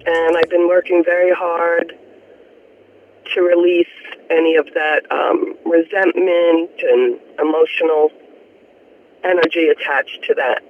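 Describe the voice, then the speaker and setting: A Florida woman calls in to a radio show and talks earnestly and at length about her personal troubles, rambling and speaking openly about her family. Her lowish voice is measured, with fairly even intonation. The phone line sounds tinny, with a faint hiss.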